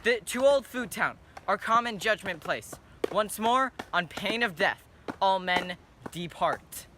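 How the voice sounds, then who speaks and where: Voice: mid-range voice, animated, a little slow, natural voice. An amateur performer playing a stern, angry prince who orders brawlers about in a Shakespeare parody. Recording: clearly noisy amateur recording with clicks.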